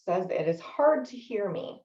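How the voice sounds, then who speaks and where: A woman's voice: medium pitch, a little slow, dull audio. Woman trainer on distant echoey webinar audio. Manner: steady explanatory delivery with frequent um fillers. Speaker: software trainer. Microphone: video call microphone.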